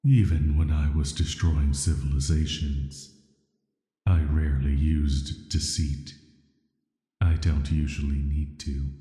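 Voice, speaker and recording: In a slow, scripted audio drama monologue, a man voices an ancient, banished villain, an immortal cursed being who is calm and flirty. He speaks softly, flat and measured with some hesitation, in a calm, pondering mood. His voice is very deep, soft and atmospheric, recorded with an echoey, long cavernous reverb.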